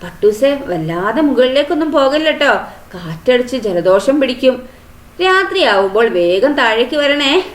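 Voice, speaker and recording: A woman voicing a caring little girl who made a kite and fusses over it like an older sister, in a high, coaxing sing-song. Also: very animated, measured pace. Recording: roomy echo.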